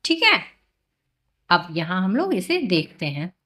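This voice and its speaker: A patient woman teacher walks children through the alphabet at a slow, unhurried pace. Her voice is bright and forceful, and she stretches each syllable and calls the letters out loudly so they can repeat them. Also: lowish voice, big pitch swings. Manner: slow, patient, drawn-out syllables, raises voice when reciting letters. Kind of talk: Hindi alphabet lesson for children.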